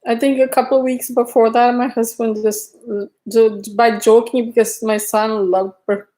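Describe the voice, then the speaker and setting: A middle-aged woman chatting casually on a livestream, greeting viewers by name and talking haltingly with restarts. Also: fairly high pitch, little pitch movement, mellow, rough recording. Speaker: livestream host.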